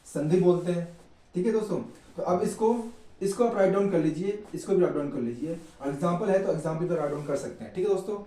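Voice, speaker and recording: A man's voice: high voice, warm tone, echoey room, recorded from a distance, poor audio. A man teaching a grammar lesson, asking questions and answering them himself and checking in often with his students.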